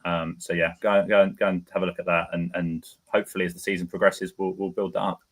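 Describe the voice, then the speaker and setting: A man's voice: low-pitched, little pitch movement, fast talker, a bit bright. A man talking casually as a guest on a football fan chat. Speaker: guest football content creator.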